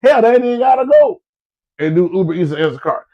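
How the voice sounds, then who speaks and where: The congested Floridian keeps up his casual, repetitive motivational talk, handing listeners folksy business advice. He speaks fast in a high voice with huge pitch swings, and the recording sounds muffled.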